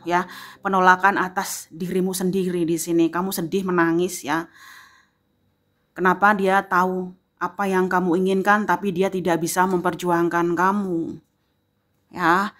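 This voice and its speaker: Woman, tarot reader, low-pitched, talks straight to the viewer, repeats phrases, fills pauses with "ya". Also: level tone, fairly bright tone. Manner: addresses the viewer directly, filling pauses with a frequent "ya"; slow, emphatic repetition of phrases. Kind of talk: tarot reading monologue.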